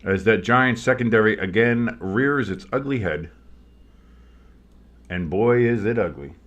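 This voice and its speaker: A man's voice: lowish voice, measured pace, fairly bright tone. A man with a tinny sound, recorded in a kitchen, hosting a stream with play-by-play commentary and casual, blunt, sardonic chat. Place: kitchen, not a studio.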